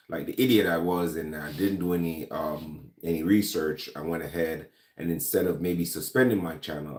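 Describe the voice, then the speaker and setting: A Jamaican man with a very deep, darkish voice hosts a casual gun-talk livestream, greeting viewers by name with plenty of ums. Picked up by a laptop or camera mic, his voice sounds roomy.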